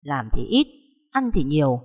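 A woman voicing a harsh, abusive middle-aged stepmother who shouts and scolds, with a long echoing reverb. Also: deep voice, big pitch swings, measured pace, full character voice. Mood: grumbling.

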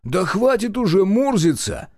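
A man's voice: mid-range voice, big pitch swings, dry recording, studio quality, close to an everyday voice. A man voicing a sly, sarcastic male informant who mocks and needles others, in an audiobook. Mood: indignant. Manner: sly, mocking, drawn-out. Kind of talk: audiobook character voice.

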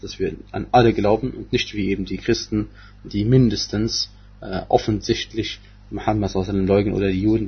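Male scripture teacher, low husky voice, hesitant delivery full of fillers, dull lo-fi recording. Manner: hesitant, many fillers and restarts. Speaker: Quran exegesis teacher. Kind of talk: religious lecture.

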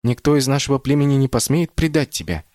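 A man's voice: mid-range voice, animated, fast talker, a little mellow, no room sound, clean studio sound, voice pushed up, lightly acted. A man doing Mama Rila, a loving stern storyteller. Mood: earnest. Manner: tender, pleading, then proudly stern.

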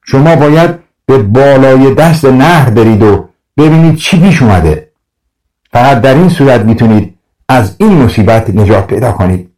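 A man's voice: medium pitch, darkish tone, distant mic, lightly acted, rough recording. A man voicing an earnest, brave young hero in a storybook, speaking in a declaring manner.

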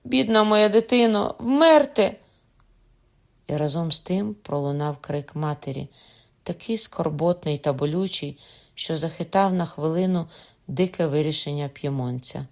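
A woman narrating a classic novel as an audiobook reader, in a measured, expressive way. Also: low voice.

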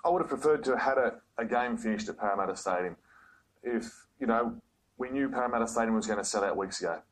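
A man's voice: lowish voice, quick pace, a little hiss or hum. A man speaking in an interview clip, rambling about a disappointment. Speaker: retiring player.

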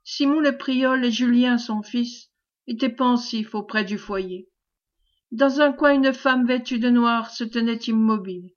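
A woman reading a classic novel aloud as an audiobook, measured storytelling. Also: fairly high pitch. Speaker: audiobook reader. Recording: dull lo-fi recording.

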